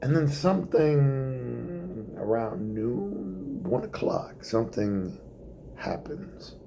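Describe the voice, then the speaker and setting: Male stand-up comic, unhurried and animated delivery, faint background noise. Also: mid-range voice, creaky. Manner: theatrical, slows for effect and drops to hushed asides. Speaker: stand-up comedian. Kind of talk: stand-up monologue.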